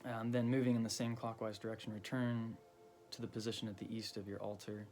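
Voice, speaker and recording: Low, flat-voiced man teaching casually. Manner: loose and halting, many ums and you-knows. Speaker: occult teacher. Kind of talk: casual explanatory lesson.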